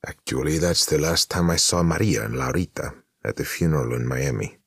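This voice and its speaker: Guy doing a blunt smoker brother, slightly raised gravelly voice, pushy, audiobook. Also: very deep voice, brisk, dry recording, clean studio sound, heavily acted. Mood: bitter. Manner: blunt, needling. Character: blunt, slouching middle-aged brother, chain smoker. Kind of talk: audiobook narration.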